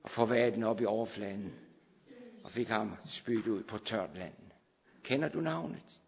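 A man preaching a sermon, moving between quiet explanation and loud, shouted proclamation. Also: lowish voice, expressive, big-room sound, muffled recording.

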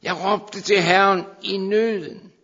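A man preaching a sermon, moving between hushed, slow pleading and raised, urgent calls to his listeners. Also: high voice, fairly even intonation. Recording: dull sound with long hall reverb.

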